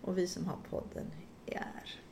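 A woman's voice: dark tone, a little hiss or hum. A middle-aged woman co-hosting a podcast, telling a funny story in casual chat, laughing and swearing freely as she goes. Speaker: podcast co-host.

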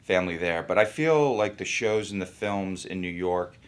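A man who is an actor, talking about his work in a relaxed, rambling interview. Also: low-pitched, normal speed. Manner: easygoing, rambling, thinks aloud. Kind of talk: casual interview talk.

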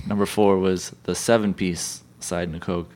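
A man's voice: low-pitched, little pitch movement, normal speed, darkish tone. A man telling rambling anecdotes in casual podcast talk, acting out the people in them. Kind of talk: casual chat, storytelling.

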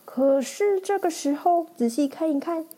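A woman storyteller reading a picture book aloud in an animated, expressive way. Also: extremely high pitch, moderate pace.

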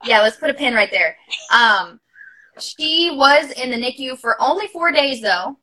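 A young mother chats openly as a podcast guest, telling casual interview stories with lots of fillers, asides, and laughter, sounding heartfelt. Her high voice is expressive, pushed, and bright, a little slow in pace, captured on poor audio.

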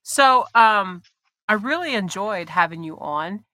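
A woman's voice: medium pitch, expressive, measured pace, sharp tone, no room sound. A woman hosting a podcast in a casual, chatty interview style, with informal asides. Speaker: podcast host. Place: small indoor space. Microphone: headset, small room.

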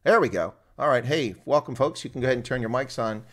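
A man hosting a casual live stream, chatty, fast and full of fillers and restarts. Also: medium pitch, animated.

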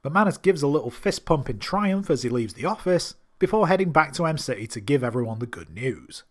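A man's voice: a little high, very animated, a little fast. Man narrating a TV recap. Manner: enthusiastic, wry asides. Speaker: TV series recap host. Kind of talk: scripted episode recap narration.

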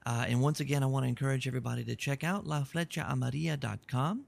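A man of forty hosting a podcast, chatting casually and rambling warmly with frequent restarts. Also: mid-range voice, fast talker, gravelly. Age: 40s. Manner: rambling, thankful, many restarts. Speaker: podcast host.

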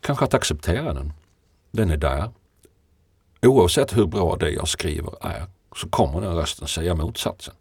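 A man's voice: deep voice, expressive, darkish tone, slightly rough, dry recording. A poet being interviewed, a man talking in a thoughtful, musing way and laughing often. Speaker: poet, podcast guest. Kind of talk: reflective conversation.

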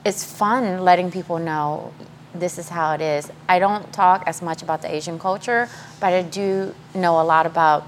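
A woman's voice: on the low side, fairly even intonation, normal speed, a little hiss or hum. A woman chef from South Mississippi, talking blunt and straightforward in a casual panel chat, often laughing. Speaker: Cajun restaurant chef.

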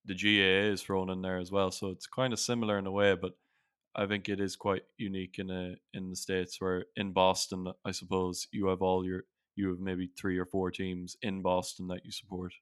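An Irish man hosts a casual sports conversation in a low, very smooth voice. His pitch moves little, and his accent is plainly Irish. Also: monotone, normal speed, dry recording, clean studio sound. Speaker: podcast host.

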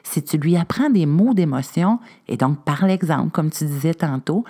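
A Québécois woman talks through parenting advice in a relaxed, conversational way, slipping into little acted-out lines of what a parent might say aloud. Her voice sits on the lower side and has a warm, mellow tone. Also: normal speed, breathy edge. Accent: Québécois French. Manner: animated, acts out little scenes of what parents can say. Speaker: parenting expert guest.

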